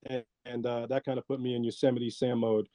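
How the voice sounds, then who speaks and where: A man, a former law enforcement officer, recounting his experience in a measured way with frequent pauses. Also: mid-range voice, level tone, dark tone, no room sound, low-quality recording. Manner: measured, with frequent ums and asides. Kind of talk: reflective interview storytelling.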